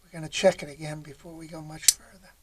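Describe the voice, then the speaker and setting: A vlogger inside a small camping trailer giving a casual hands-on how-to, haltingly thinking aloud while working. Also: medium pitch, fairly even intonation. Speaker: vlogger, DIY host. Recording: background noise, room ambience.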